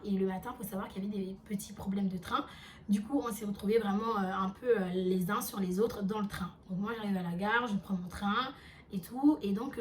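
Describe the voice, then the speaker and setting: A young woman vlogger telling a storytime, animated and chatty with lots of fillers. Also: medium pitch, recorded from a distance, a little hiss or hum. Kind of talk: storytime vlog.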